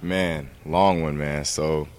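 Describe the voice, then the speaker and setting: A man's voice: extremely low pitch, slow pace. A young man from Jamaica, a college basketball player, chatting casually as a radio guest and laughing easily. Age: young adult. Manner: relaxed, laughs easily, says "man" and "like" a lot. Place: student radio studio.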